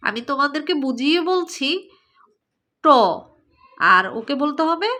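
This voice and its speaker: A woman with a Bangladeshi Bengali accent teaching children letter sounds, saying each one slowly and repeating it for them to echo. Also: sits high, lively intonation, pushed and bright. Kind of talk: children's pronunciation lesson.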